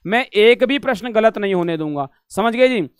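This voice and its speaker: A man leads a live online exam-prep lesson in a high, resonant voice. He repeats each point, keeps asking whether students have understood and turns the questions back on them. The sound is dry and close. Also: expressive, normal speed, smooth, dry recording. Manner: repetitive, asks "samajh gaye?" often, calls students beta; drills questions back at the class. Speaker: Sanskrit teacher.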